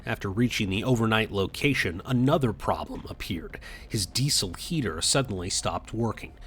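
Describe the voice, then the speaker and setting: A man reading scripted documentary narration in a measured, suspenseful tone. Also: on the low side, expressive, noisy background.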